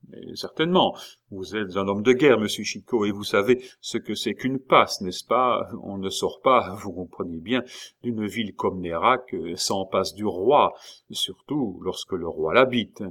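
A man voicing an eager, apologetic male gate officer in an audiobook, speaking higher and louder than his narration. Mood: fawning. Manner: apologetic, fussy, hurried. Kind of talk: audiobook character reading.

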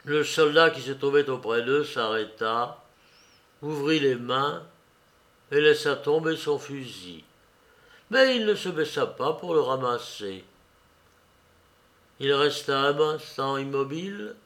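A man narrating a literary novel as an audiobook in a slow, measured reading. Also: medium pitch, expressive, a bit bright.

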